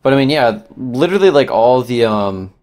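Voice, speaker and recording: A man co-hosting a casual podcast, excitable and swearing, often trailing off mid-sentence. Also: mid-range voice, moderate pace. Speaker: podcast co-host. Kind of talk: casual chat.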